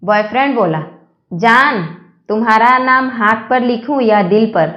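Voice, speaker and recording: A woman's voice: a little high, unhurried, heavy background noise. A woman reading a string of short jokes aloud, voicing every character in the same plain voice. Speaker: joke reader. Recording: echoey lo-fi recording.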